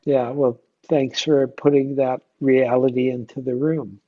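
The tinny audio captures a man with a medium-pitched, narrow voice and flat, unhurried delivery. As a meditation teacher, he holds an informal Q&A dharma talk, conversational and inquisitive, frequently checking in with those listening.

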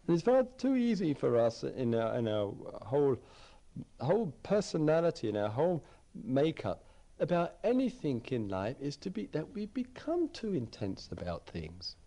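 A man's voice: fairly high pitch, huge pitch swings, moderate pace, mellow. A man giving a dharma talk as a meditation teacher, reflective, often repeating phrases as he searches for words.

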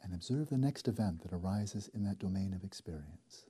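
A man leading a guided meditation as a teacher, speaking slowly and softly with deliberate pauses and a husky edge. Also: low-pitched, animated. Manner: slow, soft and deliberate, with long pauses.

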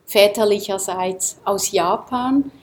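A woman from Switzerland giving a calm, reflective Dharma talk to a group in a seminar room, often asking her listeners questions. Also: mid-range voice, takes it slowly, slight background noise. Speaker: meditation teacher.

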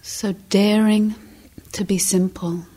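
Speaking in a husky, mid-range voice with fairly even intonation, a woman leads a guided meditation. Her delivery is gentle and deliberate, made of short phrases and long pauses.

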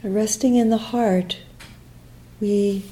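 On a low-quality recording, a woman with a steady, mid-range voice leads a guided meditation as a teacher. She speaks gently and slowly in short phrases, with long pauses and endings that quietly fade away.

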